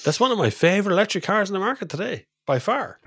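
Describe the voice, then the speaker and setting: A man co-hosting a motoring podcast, jokey and animated in casual chat and quick to laugh. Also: sits high, breathy edge, no room sound, clean studio sound. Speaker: podcast co-host, motoring journalist.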